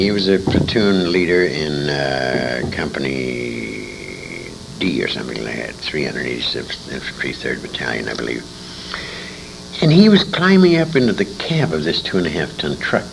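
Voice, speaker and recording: An older American man, a war veteran and old-time radio performer, tells anecdotes in a casual interview, salty and emphatic and repeating phrases for effect. His gravelly bass voice has lively intonation at a normal speed, and the informal recording is noisy.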